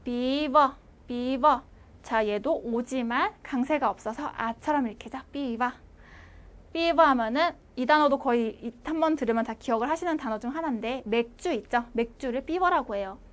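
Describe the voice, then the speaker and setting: A woman teaching an online language lecture, repeating words slowly and clearly for learners to follow. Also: high-pitched.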